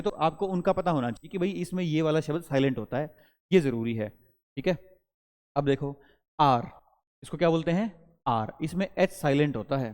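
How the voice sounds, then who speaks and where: A man with a fairly high voice teaches a grammar lesson in Hindi and English. He explains each point step by step and keeps quizzing his students with questions. His voice carries a long reverb from the room. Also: darkish tone.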